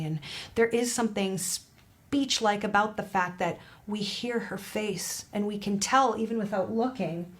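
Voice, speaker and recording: Woman vocal coach, mid-pitched, expressive reaction commentary with exclamations.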